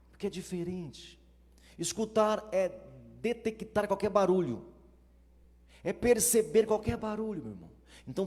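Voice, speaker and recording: A man's voice: on the high side, warm tone, in a large hall. A man with a Brazilian accent, preaching a sermon as a pastor, emphatic and full of rhetorical questions and repetition. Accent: Brazilian Portuguese.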